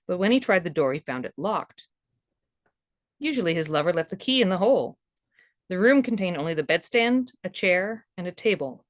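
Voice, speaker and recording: A woman's voice: mid-range voice, no echo, studio quality. A woman reading scripted narration of a historical romance novel as an audiobook narrator.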